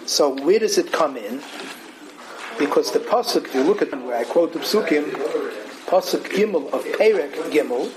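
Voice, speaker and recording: A man teaching a Torah class as a lecture, animated and singsong when he quotes verses. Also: fairly high pitch, normal speed, poor audio. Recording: crowd audible behind him.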